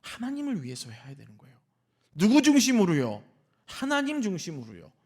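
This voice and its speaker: A man preaches from the pulpit with a fairly high voice that swoops up and down with feeling. He keeps turning to the congregation with questions and lets his points land hard. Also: a little fast. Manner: animated preaching, often asking the congregation questions. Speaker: senior pastor. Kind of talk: sermon. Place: church sanctuary.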